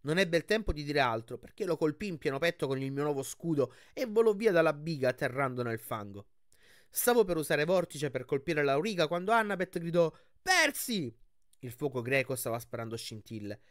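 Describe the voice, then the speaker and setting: A man hosting his channel, reading a novel aloud with expressive storytelling and then commenting on the chapter in a chatty, thoughtful way. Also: a little high, fairly quick, no room sound, clean studio sound. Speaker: audiobook reader and channel host.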